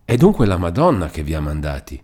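A man's voice: low-pitched, big pitch swings, fast, darkish tone, husky, heavily acted. A man reading aloud, voicing a frightened young woman held captive who speaks in urgent, anxious pleas. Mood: fearful.

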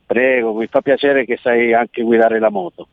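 A man's voice: mid-range voice, moderate pace, creaky, no echo. A man calling into a radio show over a phone line, chatting casually and hesitantly, with lots of fillers. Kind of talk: casual chat. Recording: tinny phone line, dry.

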